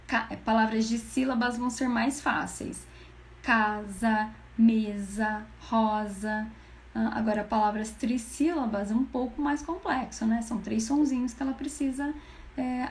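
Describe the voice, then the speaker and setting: A woman's voice: fairly high pitch, a little mellow. A Brazilian woman speech therapist explaining how to build a child's phonological awareness, with many fillers and restarts. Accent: Brazilian Portuguese.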